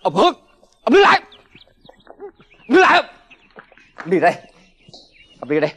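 A man's voice: extremely high pitch, animated, fast talker, sharp tone, exaggerated voice. Man acting a wailing, tearful old man. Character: distraught older man, tearful and pleading. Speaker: old man searching for a woman. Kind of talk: comedy drama acting.

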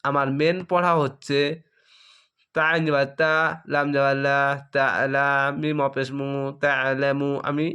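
A man teaching Quran reading, spelling each syllable aloud and then joining them, with drawn-out chanting of verses. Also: medium pitch, level tone, sharp tone, smooth. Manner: drawn-out melodic recitation of verses. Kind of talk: slow letter-by-letter Quran spelling lesson.

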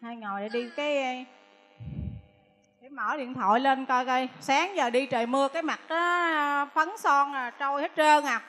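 A high-voiced, impatient female doctor with a Southern Vietnamese accent grumbles, sighs and scolds her patients, as a woman plays her in a stage skit. She sounds weary and vain throughout. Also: normal speed, a bit bright. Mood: vain complaining. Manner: complaining, exasperated sighs and scolding.

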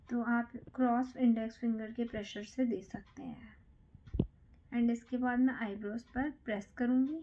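A woman beautician calmly explaining a facial massage step by step in a salon, counting strokes aloud as she works. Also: fairly high pitch, lo-fi sound, slight background noise. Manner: calm, counts strokes aloud while working. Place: salon treatment room.

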